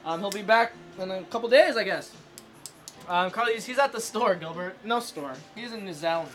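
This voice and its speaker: Brief: excitable male stream host, high bright voice, casual and profane, pitching donations to viewers. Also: moderate pace, faint music behind. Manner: loose, excitable, swears freely, reads viewer chat aloud. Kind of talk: casual live-stream chat while cooking.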